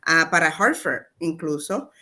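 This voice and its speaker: A woman from Rico speaks as an interview guest. She is a real estate businesswoman who talks in a relaxed, reflective way and slips English phrases into her Spanish. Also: deep voice, unhurried. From Puerto Rico. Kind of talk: casual interview talk.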